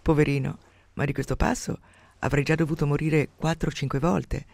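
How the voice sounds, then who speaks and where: A man's voice: a little high, fairly even intonation, fairly quick, gravelly, a little mellow, dry recording. A man putting on a wry, worldly aging woman. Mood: teasing.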